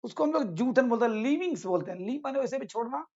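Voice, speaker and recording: A man's voice: extremely high pitch, lively intonation, fast, darkish tone, dull audio. A man teaching English vocabulary in a casual lesson, repeating each word and its meaning and addressing his students as friends.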